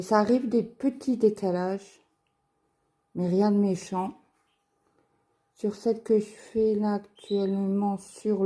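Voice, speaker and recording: Here a woman from France, speaking in a mid-range, dark-toned voice, unboxes a cross-stitch kit for her craft vlog. Her show-and-tell is relaxed and talkative, dotted with filler words and little pauses of hesitation.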